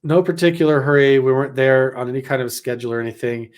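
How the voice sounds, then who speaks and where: A man from Idaho, USA, recounts a personal experience as a casual vlogger, talking fast in a mid-range voice with little pitch movement. He rambles, leans heavily on "like," and acts out quotes.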